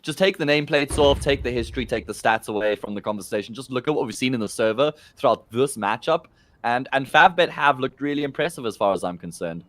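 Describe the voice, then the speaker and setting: A man with a South African accent giving quick, animated play-by-play commentary on a live esports match. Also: medium pitch, a little hiss or hum. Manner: quick, animated calls over game action. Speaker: esports caster. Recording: faint game gunfire underneath.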